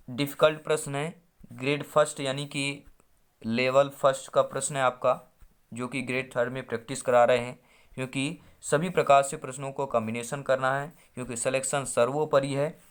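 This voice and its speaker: A man's voice: mid-range voice, steady tone, normal speed, clear, resonant tone. A man with a mid-range voice teaches an online exam-prep lesson. He works through questions in a quizzing way and stretches out syllables to show each sound. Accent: Hindi-speaking India.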